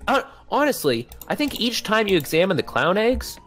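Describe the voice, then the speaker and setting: Animated, higher-voiced man chatting over a game. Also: moderate pace, faint music behind. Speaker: co-host of a gaming show. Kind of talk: casual let's-play chat.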